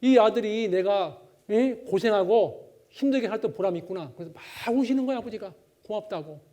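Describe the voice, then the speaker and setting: A man giving a Bible lecture as a sermon, telling a story in a lively way and acting out its people. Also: high-pitched, fairly quick. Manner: animated, acts out the people in his stories.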